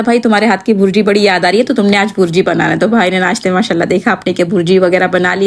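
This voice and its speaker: A middle-aged woman tells her family's story as a vlog, chatty and devout. Her voice sits at an ordinary pitch for a woman. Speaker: vlogger. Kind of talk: casual family vlog narration.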